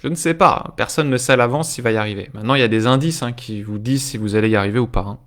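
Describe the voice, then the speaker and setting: A man coaching viewers through a live stream, with a voice of middle pitch. He talks off the cuff, full of small hesitations and asides to his audience. He drags out his key phrases for emphasis. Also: very fast, fairly bright tone. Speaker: life coach. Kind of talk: live-streamed motivational talk.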